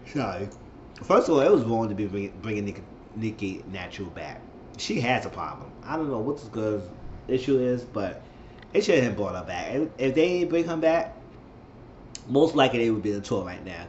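Animated man recapping drama, roomy sound. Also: fairly low pitch, normal speed, long pauses, highs cut off, a little hiss or hum. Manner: animated, gossipy, acts out the quotes. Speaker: reality TV reviewer. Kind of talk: casual recap commentary.

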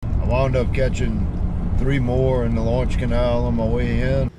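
A man's voice: mid-range voice, level tone, measured pace. A man casually narrating his kayak fishing trip in a matter-of-fact, laid-back way, recorded outdoors on the water. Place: outdoors on a kayak on a bayou canal. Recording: outdoor wind and water noise.

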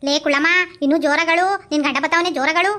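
A meddling old village granny, played by a woman, in a comedy skit, speaking with a Mandya Kannada accent. She rattles off her lines at a breakneck clip in a very high, bright, piercing voice, always egging others on. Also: steady tone. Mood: goading. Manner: shrill, rapid, egging others on.

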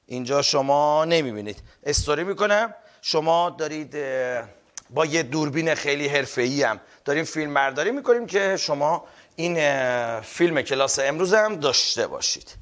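A man teaching a live online class, energetic, repeating key terms and calling on the students often. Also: fairly high pitch. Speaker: online tutor. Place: indoors, filmed for a live class.

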